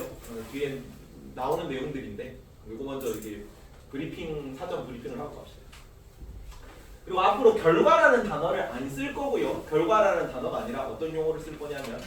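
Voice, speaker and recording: A man's voice: on the high side, a little hiss or hum. A male social studies teacher giving a casual classroom lecture, quizzing students with rhetorical questions and joking asides. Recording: very echoey room, mic far off.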